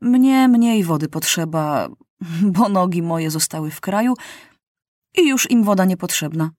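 A calm, one-eyed pilot who lost his legs, telling grim jokes in an even, deadpan way, as read by a woman. The voice sits low and close. It is a storybook reading in a dry room. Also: measured pace, dry recording. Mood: wry. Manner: deadpan gallows humor. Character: legless one-eyed male pilot, calm, dryly joking.

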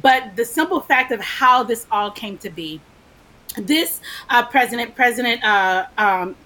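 A woman from Florida speaking as a guest co-host on a talk show, earnest and measured. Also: fairly high pitch, expressive, bright, forceful tone. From United States, Florida.

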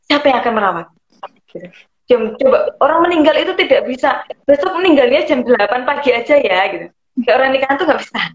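A woman who explains things conversationally and pauses often to search for words. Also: fairly high pitch. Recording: roomy, dull lo-fi sound.

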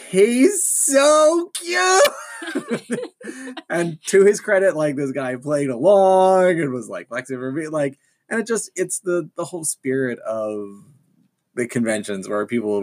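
A man's voice: on the low side, vocal fry. A man telling stories in casual chat, enthusiastic and rambling.

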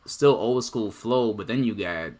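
A man in casual group chat about music, relaxed and trailing off quietly at the ends of phrases. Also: lowish voice, unhurried.

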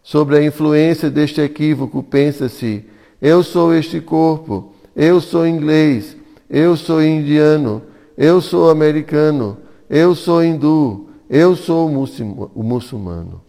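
Chanting Sanskrit verses in a singsong between passages, a Brazilian Portuguese-speaking man reads scripture commentary aloud to a devotional class in an ecovillage community hall. He takes his time, his fairly high voice gravelly yet warm, with a long reverb tail.

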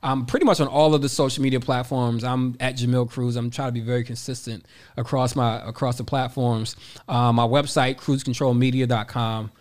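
A man's voice: mid-range voice, level tone, a little fast, a little mellow. A man in his forties, a podcast guest giving emphatic motivational talk, repeating his phrases and addressing listeners as y'all. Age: 40s.

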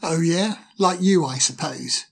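A woman's voice: lowish voice, measured pace, vocal fry. A woman voicing a sulky young male fire sprite in a storybook, answering curtly and with irritation. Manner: curt, irritated replies.

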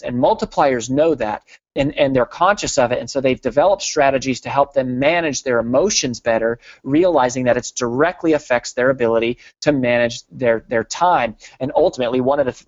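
A man's voice: mid-range voice, dry recording. Earnest man telling a story, dry sound. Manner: energetic, earnest, with frequent restarts. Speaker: podcast guest, business author and consultancy co-founder. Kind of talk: conversational storytelling explanation. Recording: dry, slightly dull podcast audio.

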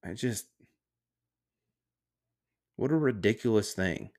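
A man's voice: lowish voice, lively intonation, takes it slowly, darkish tone. A podcast host, a man, ranting on his own in a heated, sarcastic and profane way. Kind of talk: casual solo rant.

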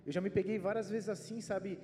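Speaking in Brazilian Portuguese, a male preacher addresses a church hall in a high, rather flat voice, talking a little fast. His casual sermon is peppered with "né?" tags, and the room reverberates with quiet music playing.

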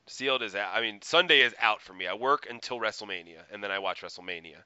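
Bright, rambling podcast guy. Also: on the low side, lively intonation, fast talker, clear, resonant tone, dry recording, dull audio. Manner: rambling, laughs often, many fillers. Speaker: podcast co-host. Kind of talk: casual podcast chat.

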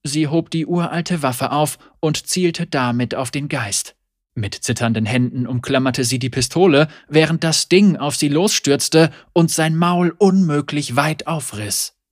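A man narrating a German adventure story in an expressive, dramatic way. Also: a little high, a little slow, dry recording, studio quality. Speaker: audiobook narrator. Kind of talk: scripted narration.

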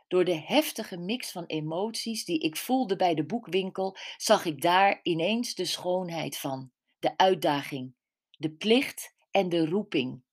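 A middle-aged woman author reading her own personal column aloud in a reflective, deliberate way. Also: lowish voice. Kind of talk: scripted personal narration.

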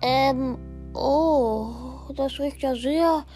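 A woman's voice: sits high, extremely slow. A woman playing a bossy know-it-all toddler. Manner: bossy, excitable. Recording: faint music behind the voice.

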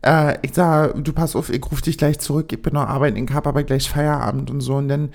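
A woman's voice: deep voice, fairly even intonation, fairly quick, creaky, darkish tone. A woman in her twenties, hosting a podcast, tells personal stories in a casual, blunt, slangy way with many filler phrases. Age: 20s. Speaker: podcast host. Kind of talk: casual storytelling.

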